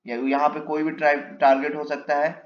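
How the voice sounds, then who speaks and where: A man's voice: a little high, monotone, brisk. Male trading teacher, casual walk-through, quizzes himself as he draws; lo-fi mic in an echoey room. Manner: explains while drawing, asks and answers his own questions. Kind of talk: casual step-by-step chart lesson. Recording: echoey room, dull lo-fi mic, faint hiss.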